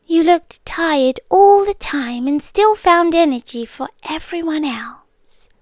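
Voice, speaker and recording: A British woman voices an obsessive romantic kidnapper for an ASMR roleplay. She speaks softly and often whispers into a close microphone. Her voice is high-pitched, and there is no echo.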